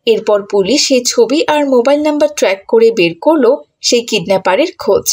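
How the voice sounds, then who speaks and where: A woman's voice: a little high, lively intonation, quick pace, a little mellow, breathy edge. A woman narrating a cartoon story in a scripted, emotive style. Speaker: narrator and voice of the mother.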